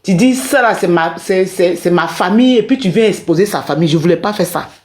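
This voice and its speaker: A woman's voice: fairly low pitch, lively intonation, a little fast, a little mellow. A middle-aged woman hosting a live stream, ranting angrily at a rival and talking straight to her viewers. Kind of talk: heated live-stream rant.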